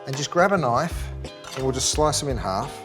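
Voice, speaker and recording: A man's voice: medium pitch, lively intonation, moderate pace. Upbeat Australian man teaching a recipe. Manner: upbeat, instructive, effusive. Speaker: cooking show host. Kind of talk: cooking demonstration. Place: studio kitchen. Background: background music, sizzling pan.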